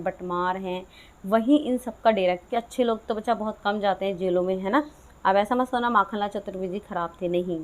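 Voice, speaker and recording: A woman teacher reading poetry lines slowly, then explaining them in quick, chatty asides to her students, whom she calls "child". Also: mid-range voice. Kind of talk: Hindi poetry lesson explaining a class nine text.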